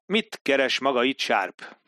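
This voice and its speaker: A man's voice: medium pitch, very animated, pushed and bright, dry recording, clean studio sound. A man voicing a pompous, sardonic British army captain in an audiobook, speaking in a raised, mocking tone. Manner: haughty, mocking.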